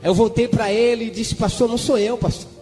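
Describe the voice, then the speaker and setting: Very high-voiced male preacher, fervent. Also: steady tone, fairly quick. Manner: fervent storytelling with sudden shouted exclamations; breaks into tongues between sentences. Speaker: preacher giving a testimony. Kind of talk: sermon testimony. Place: church hall. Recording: echoey church hall with music behind.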